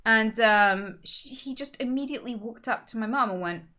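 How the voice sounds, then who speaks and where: A young woman streamer telling stories in casual chat, animated and laughing often. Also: a little high, moderate pace, a crowd in the background.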